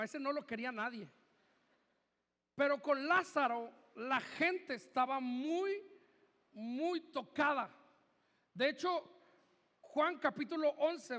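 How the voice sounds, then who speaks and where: A man's voice: extremely high pitch, fairly bright tone. A man with a Mexican Spanish accent, preaching a sermon as pastor in a church, conversational and joking with the congregation. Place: church hall. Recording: reverberant hall.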